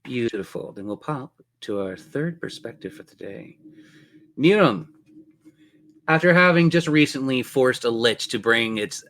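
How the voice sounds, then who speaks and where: Telling the tale as game master of a tabletop RPG, this man describes scenes theatrically and in rich detail. His tone is fairly bright, pitched in the middle range.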